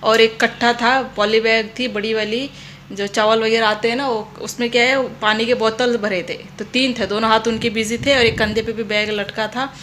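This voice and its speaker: A woman's voice: a little high, flat delivery, moderate pace, fairly bright tone, a little hiss or hum. A young woman with a Rajasthani Hindi accent, vlogging at home and chatting casually to the camera. She tells a story at length with many restarts, and she has back pain.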